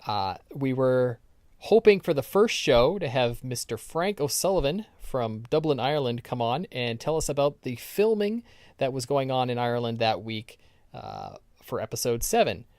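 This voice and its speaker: A man's voice: medium pitch, big pitch swings, moderate pace, a little mellow, no echo, clean studio sound. A man co-hosting a podcast in casual chat, rambling through stories with ums and restarts. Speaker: podcast co-host.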